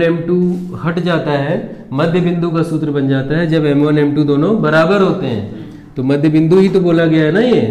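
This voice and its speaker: A man's voice: a little high, darkish tone, reverberant. A man teaching a board-exam maths lesson, talking students through each step and checking they follow.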